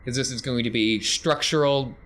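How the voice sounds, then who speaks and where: This game master, a man with a medium-pitched, slightly bright voice, narrates and referees a tabletop role-playing game at a moderate pace. His intonation is fairly even yet theatrical in touch, and faint background noise is audible.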